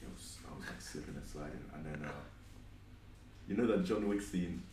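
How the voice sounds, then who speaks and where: Very deep-voiced man telling stories. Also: moderate pace, recorded from a distance, crowd noise. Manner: animated storyteller, acts out friends' lines. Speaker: podcast host. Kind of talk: casual chat. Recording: echoey room, off-mic, background noise.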